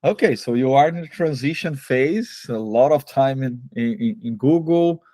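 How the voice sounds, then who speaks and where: A man's voice: medium pitch, expressive, unhurried, dark tone, no room sound. A man hosting an interview, asking friendly questions with phrasing. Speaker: host.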